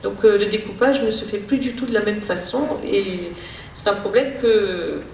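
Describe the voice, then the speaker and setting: A woman speech therapist giving a public lecture, explaining in a halting way with many hesitations. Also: medium pitch, vocal fry. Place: lecture hall. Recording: roomy hall, distant mic, faint noise.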